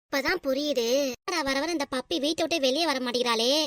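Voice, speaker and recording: A woman's voice: high voice, a little fast, loud music behind the voice, natural voice. A woman voicing a nosy, scheming middle-aged village gossip in a cartoon, with a Tirunelveli Tamil accent. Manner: scheming, exclamatory.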